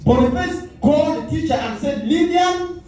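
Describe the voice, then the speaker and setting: A very high-pitched stand-up comedian from Cameroon, in his forties and with a Cameroonian accent, moves at a moderate pace through a set of stories full of lively voiced quotes. Soft background music plays, and the comedy club stage audio is echoey and recorded from far off.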